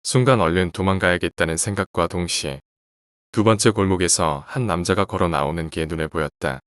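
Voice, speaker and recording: Deep-voiced man telling horror stories. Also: a bit bright, no echo, clean studio sound. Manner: measured, subdued reading. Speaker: horror story narrator. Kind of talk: horror radio storytelling.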